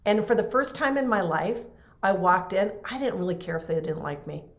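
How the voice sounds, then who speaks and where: A woman's voice: mid-range voice, lively intonation, fairly quick, roomy sound. A woman in an interview telling an emotional personal story earnestly, acting out what others said. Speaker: guest. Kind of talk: casual storytelling in a podcast interview.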